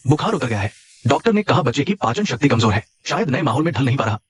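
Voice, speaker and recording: A man's voice: medium pitch, sing-song, quick pace, husky, no echo. A man dubbing a male role in a short drama, with emotional, dramatic delivery. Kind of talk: Hindi dub of a short drama.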